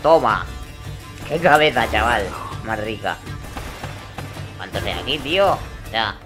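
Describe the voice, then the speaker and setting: A man casually commenting on a video game he is playing, excitable and swearing, talking to himself. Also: fairly low pitch, takes it slowly. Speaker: gameplay commentator. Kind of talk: casual let's-play commentary. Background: game music and gunfire.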